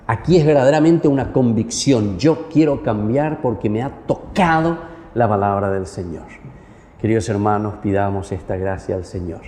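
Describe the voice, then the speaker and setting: Mellow Paraguayan priest in a cathedral-like echo. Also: male voice, fairly low pitch, slight background noise. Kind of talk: homily and liturgical prayer. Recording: echoey church hall with long reverb.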